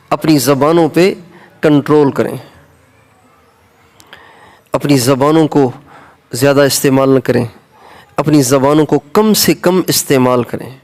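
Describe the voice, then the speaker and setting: A man's voice: a little high, darkish tone. A male Islamic preacher with a Pakistani Urdu accent, giving an emphatic sermon to women and repeating his points for stress. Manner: repetitive, emphatic, rising for stress.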